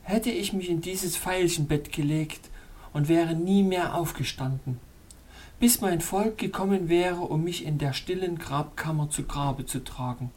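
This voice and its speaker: A woman's voice: fairly low pitch, animated, a little slow. A woman voicing a sorrowful, anxious young fairy princess in a storybook reading, with a pleading, tremulous murmur. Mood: mournful whisper.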